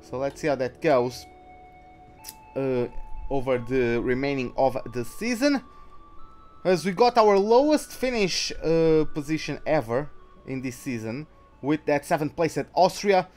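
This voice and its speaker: A man with a slightly high, darkish voice chats casually and a little slowly while livestreaming a racing game, greeting viewers by name mid-commentary. Faint music plays behind him.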